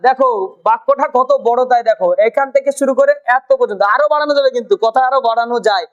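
A woman with a high voice runs a spoken English lesson. She asks the same question again and again and slows down on the key phrases for her learners to repeat. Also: poor audio. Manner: drills learners with repeated questions and slow prompts. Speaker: English teacher.

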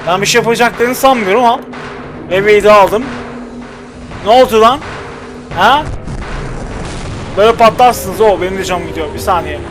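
A man's voice: high-pitched, a little fast, long pauses, noisy background. A young man commentating his own gameplay, chatting and muttering to himself and at the game characters as he plays. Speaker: gaming channel host. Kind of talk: let's play commentary. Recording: game music underneath. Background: game music and sound effects.

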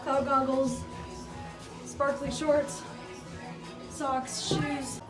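A young American woman with a bubbly, excitable sorority-girl manner, chatting casually into a handheld phone for a vlog. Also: high voice, very slow. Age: young adult. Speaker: student vlogger, sorority member. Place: dorm rooms, outdoors on campus. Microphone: handheld phone at arm's length. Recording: loud music and crowd, handheld phone.

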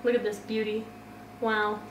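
A woman's voice: medium pitch, level tone, a little slow. A young woman hosting a casual cooking video, chatting and giving updates on her progress. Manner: chatty, giggly, keeps updating viewers. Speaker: host. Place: home kitchen. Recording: echoey kitchen with faint noise.

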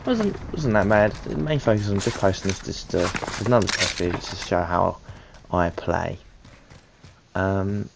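A man's voice: sits low, animated, moderate pace, vocal fry. A man giving casual, rambling, understated commentary as the creator of a gameplay video. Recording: gunfire and game noise behind voice. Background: shooter game audio.

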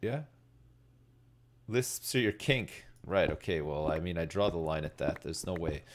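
A man's voice: deep voice, lively intonation, a little slow, background noise. A middle-aged man giving rambling, laid-back, sweary commentary as he streams a game and chats with viewers. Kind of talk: casual live gaming commentary, chatting with viewers. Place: indoors at a desk, streaming.

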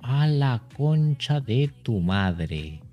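Male game streamer, 20s, Peruvian accent, unhurried slangy swearing, music behind. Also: mid-range voice, very animated, dull audio. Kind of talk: casual live game-stream chat. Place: indoor streaming room.

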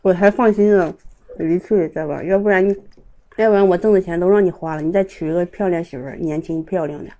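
A woman's voice: lowish voice, fast talker, dark tone. A middle-aged woman, chatting casually while chewing on a mukbang livestream. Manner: chatty, laughs often, answers viewer comments.

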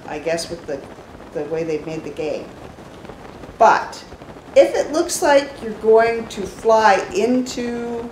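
A woman's voice: mid-range voice, a little mellow, slight background noise. An older woman hosting a gaming channel, giving chatty step-by-step commentary as she plays. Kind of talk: gameplay commentary. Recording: roomy echo.

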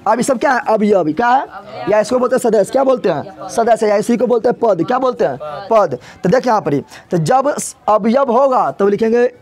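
A man teaching a math lesson in a classroom, speaking with a lilt and drilling his students with repeated questions and slow, drawn-out counting. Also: high voice, animated, a little mellow.

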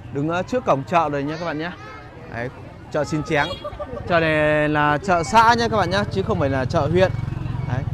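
A man giving a casual walking vlog commentary as a guide, pausing often on fillers as he talks to viewers. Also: fairly high pitch. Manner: hesitant phrasing with frequent filler pauses. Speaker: market vlogger and guide. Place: outdoors in a busy rural street market. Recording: noisy outdoor market street ambience. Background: market bustle and vehicles.

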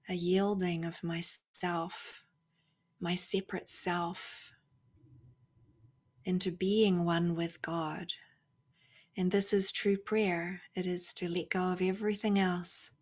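Soft and reflective, a woman's lowish, breathy-edged voice guides a spiritual meditation. She uses short phrases with long gaps in between, and her words frequently fade nearly into a whisper.

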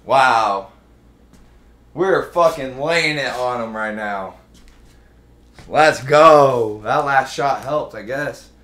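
A young man doing live game commentary as a streamer, full of swearing and cocky, excitable sports-fan trash talk, recorded in an indoor room. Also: medium pitch, very slow, pauses often. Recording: roomy, echoing room sound.

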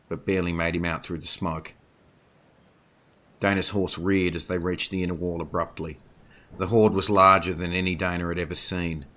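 A man narrates a horror story from a script, his voice deep and low yet bright and crisp in tone. He reads steadily and with measured delivery.

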